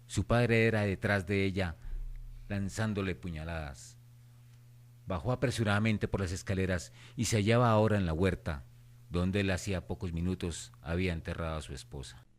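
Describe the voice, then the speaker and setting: Reading a scripted horror story as third-person narration, the narrator of this radio drama has a low male voice. He keeps a moderate pace.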